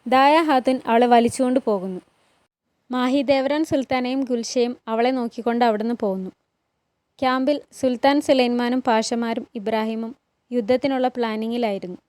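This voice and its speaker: A woman retells a TV drama scene by scene, in plain, steady storytelling. Her voice sits high and sounds close and dry, with no room sound. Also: moderate pace, no echo.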